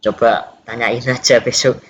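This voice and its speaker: A man's voice: mid-range voice, level tone, measured pace, slight background noise. A young man from Java, a student explaining a lab project in an informal, hesitant way, full of fillers and self-corrections. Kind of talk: casual technical explanation.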